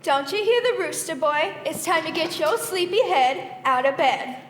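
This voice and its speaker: A woman's voice: very high voice, lively intonation, moderate pace, fairly bright tone. A young woman playing a stern rural mother in a school stage play, scolding in a folksy put-on mountain drawl. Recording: echoey hall, faint noise.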